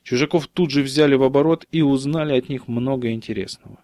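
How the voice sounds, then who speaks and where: A man reading an audiobook in a steady, even narration. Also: mid-range voice, fast, dry recording, clean studio sound.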